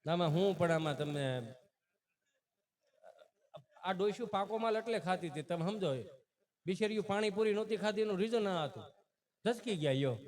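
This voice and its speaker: A male folk comedian with a strong Kathiawadi accent tells stories on stage in a fairly high voice. His delivery is folksy and teasing, and he keeps calling out to the crowd as bapu. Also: moderate pace, pauses often, darkish tone. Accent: Kathiawadi Gujarati. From Saurashtra, Gujarat.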